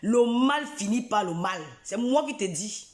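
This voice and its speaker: A man's voice: high-pitched, lively intonation, a little slow, roomy sound. Taunting man in his forties. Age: 40s. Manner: taunting, repetitive, mocking. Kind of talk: ranting live video.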